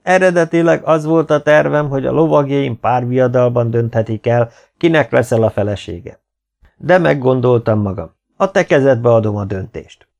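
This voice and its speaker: A man's voice: mid-range voice, expressive, vocal fry, darkish tone, pitched above the performer's own voice. A man voicing a commanding medieval king in an audiobook, proclaiming to his court in a raised voice. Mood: magnanimous. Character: commanding medieval king, stern but pleased.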